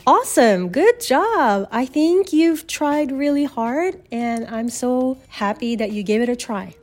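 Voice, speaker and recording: A woman teaching a bilingual English lesson, upbeat and encouraging, modeling English phrases slowly for learners. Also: sits high, animated, darkish tone.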